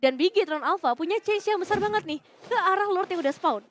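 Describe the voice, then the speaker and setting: Fast, high-pitched Indonesian woman shoutcaster. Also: animated, a little hiss or hum. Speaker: esports shoutcaster. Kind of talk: live game commentary. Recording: loud music behind the voice. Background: loud game music.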